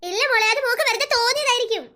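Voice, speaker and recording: Cartoon dad, gentle and reassuring, bright and fast, played by a voice actor. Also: very high voice, animated, exaggerated voice. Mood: soothing. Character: worried cartoon father, soothing and calm. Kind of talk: cartoon voice acting.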